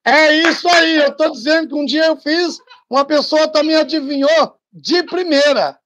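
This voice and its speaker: A woman's voice: high-pitched, moderate pace, a bit bright. A woman chatting as a guest on a casual live stream, encouraging and rallying viewers.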